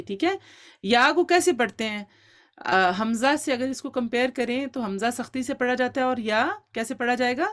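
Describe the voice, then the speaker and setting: A woman teaching an online Quran recitation lesson, quizzing her students and encouraging them, with English words mixed into her Urdu. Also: on the high side. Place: online class.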